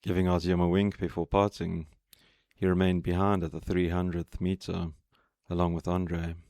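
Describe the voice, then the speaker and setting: A man narrating a novel chapter in a steady, measured reading. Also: low-pitched, no echo. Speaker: audiobook reader. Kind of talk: scripted narration.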